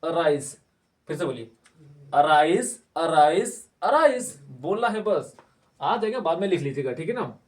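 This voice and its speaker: Male teacher, somewhat high voice, recorded from a distance, drills words aloud by repetition. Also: expressive, normal speed. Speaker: English teacher. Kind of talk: spoken English lesson.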